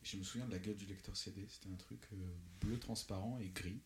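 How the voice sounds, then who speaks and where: A man's voice: on the low side, fairly even intonation, quick pace. A man in his twenties in a casual podcast chat, teasing and joking. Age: 20s.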